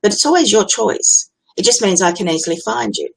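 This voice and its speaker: A woman's voice: medium pitch, expressive, brisk, vocal fry, husky, rough recording. A woman with an Australian accent, hosting a live stream as a business coach and talking in a candid, chatty, blunt way. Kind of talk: unscripted live-stream talk.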